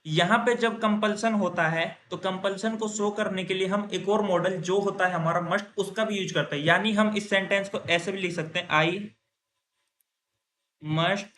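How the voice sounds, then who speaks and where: In a classroom grammar lecture, a high-pitched male teacher builds his explanations step by step, often answering his own questions. Whenever he gives an example sentence, he says it slowly and louder.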